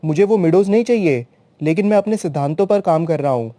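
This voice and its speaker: A man voicing an anxious, stubborn young neighbor who shouts in arguments. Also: fairly high pitch, lively intonation, quick pace, dry recording, natural voice. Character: anxious young male neighbor, touchy and hot-headed.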